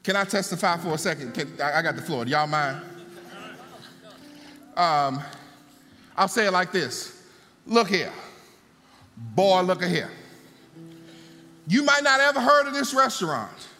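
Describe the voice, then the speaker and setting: A man preaches in a high, bright voice that climbs and falls with animated energy. He talks to the congregation in call-and-response fashion with folksy asides. His voice rings through a large sanctuary with long reverb and faint music underneath. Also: a little slow, long pauses. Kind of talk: sermon. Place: church sanctuary.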